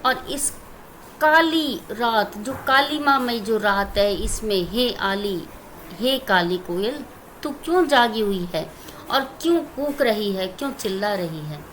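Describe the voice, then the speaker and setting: A woman's voice: medium pitch, animated, slow pace, fairly bright tone, slight background noise, poor audio. A woman Hindi teacher with an Indian accent, reciting lines of verse and then explaining them plainly to her students. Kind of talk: poem explanation lesson.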